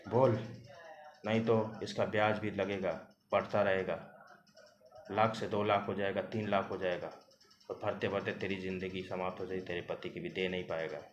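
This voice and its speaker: A man's voice: sits low, steady tone, takes it slowly, long pauses, dull audio. A man doing a cruel, threatening village landlord. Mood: menacing. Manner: loud, demanding, threatening. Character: cruel older male village landlord and moneylender. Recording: roomy echo, faint background noise.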